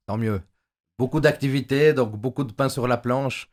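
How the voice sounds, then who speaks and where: A man's voice: mid-range voice, a little slow, darkish tone. A man hosting a Bible study discussion, talking with frequent hesitations and filler sounds. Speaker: host.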